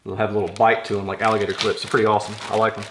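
Speaking at a racing pace, this thirtysomething reviewer has a lowish voice with little pitch movement as he casually talks through unboxing audio equipment in a compact workshop. He muses out loud while handling the gear, and clear sounds of crinkling packaging, clicks, rustling and handling fill the recording.

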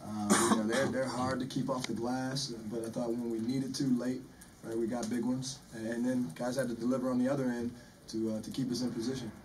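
A man in his forties, a head basketball coach, answering postgame press questions in a measured way and often repeating words while he thinks. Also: mid-range voice, level tone. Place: press room in front of a sponsor backdrop. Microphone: table microphone, recorded from the room. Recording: distant room mic with faint noise.

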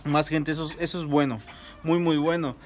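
A man's voice: a little high, fairly even intonation, normal speed. A young man with a Mexican Spanish accent, chatting informally into a phone held at arm's length outdoors under trees, with fillers and restarts. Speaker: miniature rooster breeder vlogger. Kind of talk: casual selfie vlog review. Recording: phone audio with roosters crowing behind.

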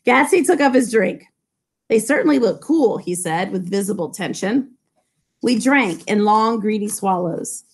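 Unhurried and slightly rough, with lively intonation, a middle-aged woman who teaches high school English reads a novel aloud and keeps breaking into casual remarks full of "like" and "you know." A laptop webcam records her from below in a low-ceilinged classroom lit by fluorescent tubes.

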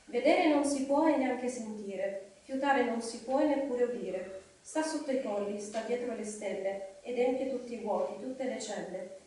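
Woman doing a hissing, ingratiating cave creature, slow and sly, distant in a roomy hall. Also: fairly high pitch, mellow, lightly acted. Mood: sly riddling. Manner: hissing, drawn-out, slyly ingratiating. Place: live reading evening in a hall. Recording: echoey hall, distant mic, faint noise.

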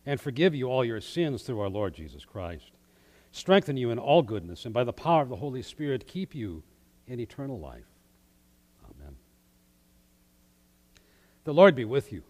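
A man, a pastor, leading worship in measured, solemn liturgical recitation, his voice ringing with a long cathedral-like echo. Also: mid-range voice, a little mellow. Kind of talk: leading liturgy in a remotely streamed worship service.

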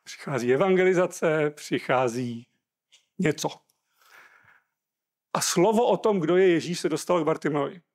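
A man's voice: fairly high pitch, long pauses. A Czech man preaching a sermon, reading scripture aloud and explaining it earnestly.

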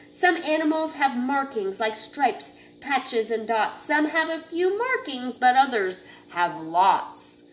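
A fairly bright, high-voiced woman slowly reads a children's picture book aloud without rushing, delivering it deliberately and instructively. Faint background noise and room ambience fill this noisy home recording, made indoors in a living area with a kitchen.

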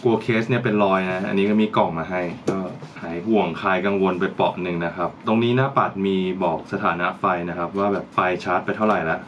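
Here a deep-voiced gear reviewer talks fast with hardly any pauses, thinking aloud as he unboxes and tries out equipment for his channel. The chatty recording carries a little hiss or hum.

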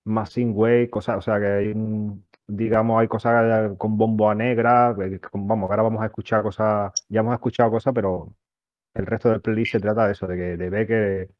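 A man hosting a podcast, speaking in a relaxed, searching way with many fillers. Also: lowish voice, fairly quick, no echo. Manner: relaxed, thinking aloud with fillers. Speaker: podcast host. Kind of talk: casual podcast interview. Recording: dry, dull lo-fi sound.

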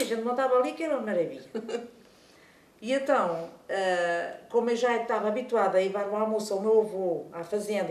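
An older woman with a European Portuguese accent, chattily telling a childhood story from her own life. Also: mid-range voice. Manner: lively, chatty, animated retelling with fond diminutives. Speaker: senior storyteller. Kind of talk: life story told aloud. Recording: echoey room, speaker far from mic.

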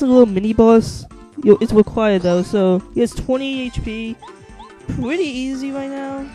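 A young man hosting a casual let's-play, swearing freely and stumbling over his words. His voice is very high but soft and mellow. Faint game music runs behind him. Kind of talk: casual gameplay commentary.

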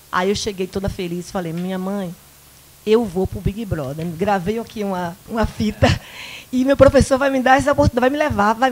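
In a rough recording from a small local studio, a medium-pitched woman in her fifties from the Bahia countryside tells lively personal stories as an interview guest, speaking into a handheld mic. An event producer with a Bahian Brazilian Portuguese accent, she is animated, acts out quoted dialogue and uses "né?" a lot in casual storytelling.

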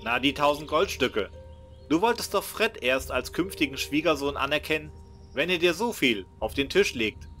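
A man voicing a brisk, confident young hero in a fan-made game mod, matter-of-fact. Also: a little high, expressive, fairly bright tone, faint music behind.

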